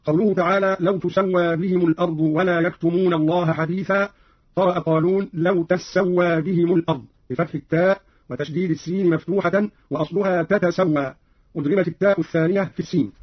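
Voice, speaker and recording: Formal male radio presenter, high voice. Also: steady tone, slightly rough, no room sound. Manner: measured, formal, demonstrating readings. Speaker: radio presenter explaining readings. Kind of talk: scripted explanatory narration. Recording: dry, dull lo-fi radio recording.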